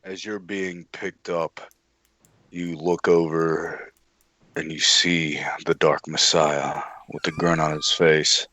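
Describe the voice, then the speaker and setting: Casting: low-voiced male game master, slow, measured narration. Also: little pitch movement, bright, forceful tone, no echo.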